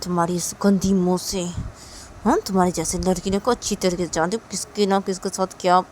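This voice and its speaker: A woman voicing a husband and father who scolds loudly and stammers when caught out, in a homemade story. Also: lowish voice, flat delivery, a little fast, slight background noise, close to an everyday voice. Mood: scolding. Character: husband and father, harsh and accusing.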